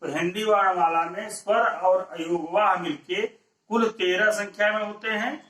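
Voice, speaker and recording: A man giving an explanatory lesson as a teacher. He poses questions and then answers them step by step, drawing out each example sound clearly. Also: high-pitched, steady tone, measured pace, sharp tone. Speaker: Hindi teacher.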